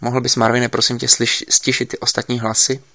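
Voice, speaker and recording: A man's voice: medium pitch, monotone, sharp tone, dry recording. A man reading an audiobook, voicing an insistent investigator giving urgent instructions over a line.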